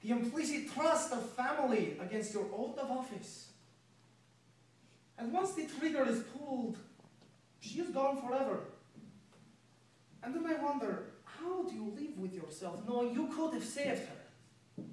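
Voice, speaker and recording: A man playing a cold, taunting Russian terrorist hijacker in a dramatic monologue, speaking deliberately with a Russian accent. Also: very high voice, expressive, darkish tone. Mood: threatening, taunting. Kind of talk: dramatic audition-style film monologue. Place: echoey room, away from the microphone. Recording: echoey room, distant microphone.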